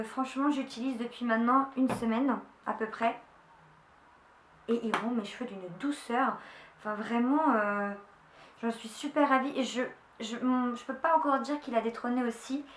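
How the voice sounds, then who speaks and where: A woman's voice: a little high, steady tone, moderate pace, slight background noise. A young woman chatting casually through a beauty haul, enthusiastic and full of fillers and restarts. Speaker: beauty vlogger. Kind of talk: casual haul video chat. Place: room at home. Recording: echoey room, faint ambience.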